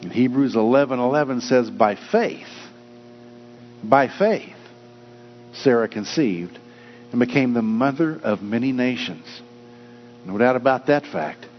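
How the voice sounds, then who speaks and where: A man's voice: mid-range voice, animated, unhurried, long pauses. A man preaching a sermon, reading scripture and acting out people's doubts as he goes. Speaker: pastor. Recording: echoey hall, dull lo-fi sound with mains hum.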